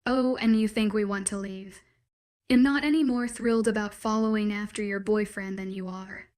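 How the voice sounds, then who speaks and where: Woman doing an angry bossy young guy in an audiobook, short clipped orders, mid pitch. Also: fairly even intonation, normal speed, a little mellow, lightly acted. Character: angry, commanding young man, protective and forceful.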